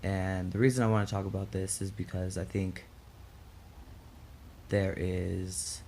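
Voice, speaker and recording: A young man talking casually and candidly on a personal vlog, in a reflective, halting way with some gravel in his voice, recorded outdoors. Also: low voice, flat delivery, darkish tone, slight background noise. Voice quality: gravelly, throat-clearing. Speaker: vlog host. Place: outdoors in chilly morning air.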